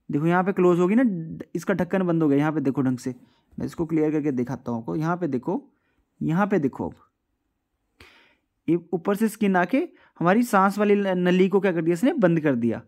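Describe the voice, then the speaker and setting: Guy teaching kids science, keeps asking then answering his own questions, darkish warm voice. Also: high-pitched. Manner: asks questions and answers them himself; addresses children, mixes English terms. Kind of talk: classroom-style video lesson.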